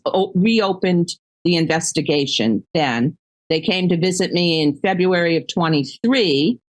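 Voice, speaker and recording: An older woman, a grandmother, speaking as a guest in a casual interview, plainspoken and quick to laugh. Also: low voice, no room sound.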